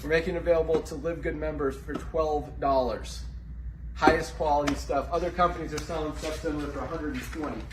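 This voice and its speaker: A man's voice: a little high, steady tone, fairly quick. A man giving a casual promotional tour as a company owner, with an informal, salesy way of talking. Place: indoor warehouse. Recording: echoey, noisy room, distant mic.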